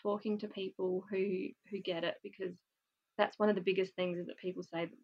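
Woman co-host, chatty, laughs easily, slightly gravelly voice. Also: medium pitch, little pitch movement, a little fast, highs cut off. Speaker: podcast co-host. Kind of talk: casual chat.

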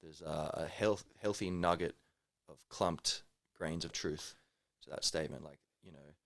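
Casting: male podcast co-host, creaky low voice, thoughtful and rambling, conversational. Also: a little slow, fairly bright tone, no echo. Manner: rambling, thoughtful, peppered with like and you know. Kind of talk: casual conversation.

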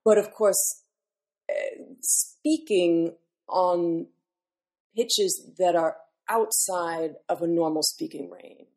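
A classical singer with a somewhat low, dark-toned speaking voice discusses her craft in an unscripted podcast interview. She explains things thoughtfully, frequently pausing on filler words and starting her sentences over.

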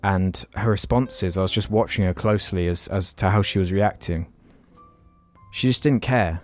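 With faint music in the background, a young podcast co-host speaks at a moderate pace in a low-pitched voice. He rambles through a lengthy story in laid-back chat, swearing a lot.

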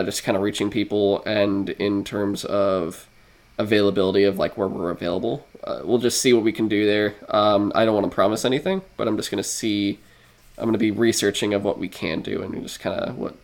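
Man, young adult, podcast co-host, low-pitched voice, rambling, lots of fillers. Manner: rambling with many fillers and restarts. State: dry throat. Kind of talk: casual podcast outro.

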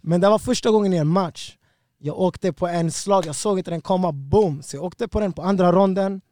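Brief: high-voiced man, animated and slangy, dry close sound. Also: dry recording. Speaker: guest fighter. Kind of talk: casual storytelling.

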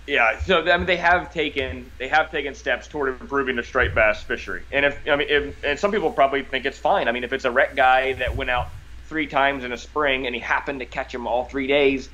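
A man with a rural American hillbilly twang, chatting casually as a podcast guest in a folksy, halting, rambling way. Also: medium pitch, sharp tone, poor audio. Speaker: podcast guest, lifelong fisherman.

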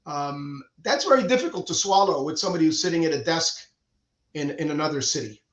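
This is a middle-aged man from Cuba, a surgeon being interviewed in a conversational style. He sets out his views earnestly, frequently starting sentences over, in a slightly high, expressive voice at a fairly quick pace. The recording has a dull, echoey, lo-fi room quality.

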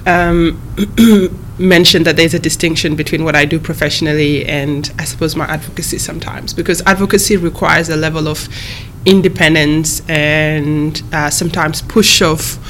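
A woman in her thirties who grew up in East Africa, a guest answering interview questions in a measured, careful way with frequent pauses and restarts. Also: deep voice, fairly even intonation, slight background noise. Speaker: guest, human rights advocate.

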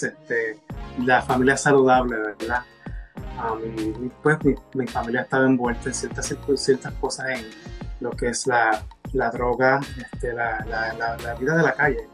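A man's voice: medium pitch, a bit bright. A middle-aged man with a Puerto Rican accent, a preacher guesting on a podcast, talking in a hesitant way with many fillers. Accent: Puerto Rican Spanish. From Puerto Rico. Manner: hesitant, many fillers and restarts while telling his story.

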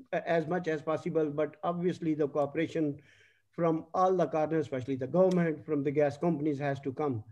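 A man with a Pakistani accent giving extempore panel remarks as an official, halting and often repeating himself. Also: on the high side, a little mellow.

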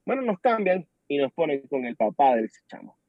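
A young Venezuelan man with a Venezuelan accent, chatting as a podcast guest and telling an animated story while acting out the dialogue. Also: on the high side, moderate pace, a little hiss or hum. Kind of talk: casual chat. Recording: dull lo-fi sound.

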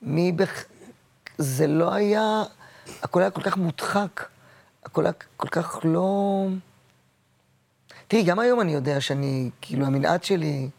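A man in his sixties, a guest actor and comedian, telling personal stories in a halting, emotional way with many repeats. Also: a little high, vocal fry, darkish tone. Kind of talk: personal interview storytelling.

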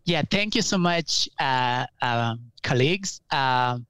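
A young man with a Ugandan accent, telling his life story as an interview guest in an earnest, halting way with many fillers and restarts. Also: mid-range voice, expressive, pushed and bright, smooth, dry recording, poor audio.

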